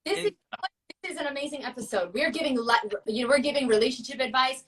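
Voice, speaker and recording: A woman's voice: sits high, quick pace, fairly bright tone, far from the mic, low-quality recording. Chatty woman a bit off the mic. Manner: chatty, laughing, playful asides. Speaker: co-host. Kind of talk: casual chat.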